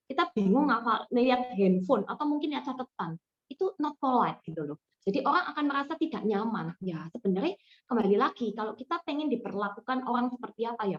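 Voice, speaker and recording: A woman leading an online sales training and talking warmly to her trainees, dropping in English words. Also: on the high side. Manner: lively, addresses listeners warmly as friends, mixes in English words. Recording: dull lo-fi call audio.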